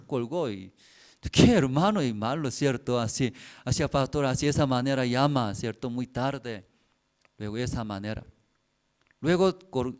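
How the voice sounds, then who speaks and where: Slow-speaking pastor telling a story. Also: male voice, mid-range voice, a little mellow. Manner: simple phrasing with constant "¿cierto?" tag questions. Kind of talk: storytelling sermon.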